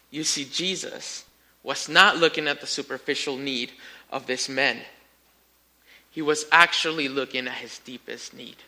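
A man preaching a sermon, telling a story with lively emphasis and speaking to his listeners as friends. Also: on the high side. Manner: animated storytelling, rising to near-shouts in acted quotes.

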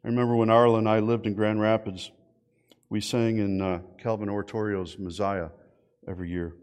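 A middle-aged man preaching a sermon as a pastor. He tells lively stories and keeps asking his listeners rhetorical questions. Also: lowish voice, brisk, smooth. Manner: animated storytelling with rhetorical questions.

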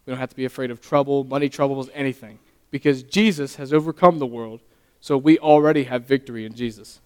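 Young male lay preacher, earnest and halting, smooth higher voice, long hall reverb. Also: fairly even intonation. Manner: earnest, halting, stumbles and restarts. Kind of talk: sermon.

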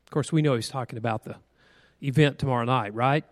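A man's voice: mid-range voice, fast. A man, a minister leading a church class, telling folksy stories in an earnest, conversational way. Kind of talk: sermon-style storytelling. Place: church hall. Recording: reverberant church hall.

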